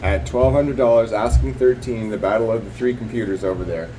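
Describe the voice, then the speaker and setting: A man's voice: lowish voice, a little fast, warm tone, a little hiss or hum, rough recording. A man working as a live auctioneer, calling bids and increments in repetitive, clipped patter.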